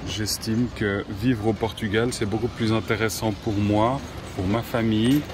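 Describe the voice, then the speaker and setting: A man, a teacher vlogging outdoors at a zoo in a slow, hesitant way with many pauses. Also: fairly low pitch, steady tone, background noise. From Switzerland. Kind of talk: casual vlog narration.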